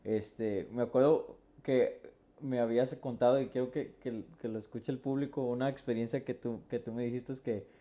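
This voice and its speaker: A man's voice: mid-range voice, fairly even intonation, normal speed, warm tone. A male podcast host interviewing a pastor, attentive and prompting with short remarks. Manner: attentive, brief affirmations. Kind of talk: interviewing a guest.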